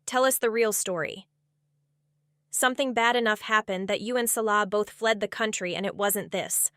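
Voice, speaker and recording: A woman's voice: mid-range voice, moderate pace, fairly bright tone, no echo, studio quality. A woman hosting a commentary channel, snarky and blunt in her remarks. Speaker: commentary host. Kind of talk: sarcastic commentary.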